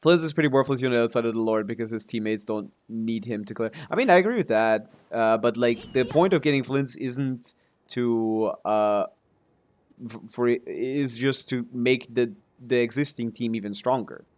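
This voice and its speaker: A video game streamer with a medium-pitched, darkish voice talks casually over his gameplay at a moderate pace, as if responding to his viewers. He tends to hedge or let his words trail off while thinking things through during the livestream chat.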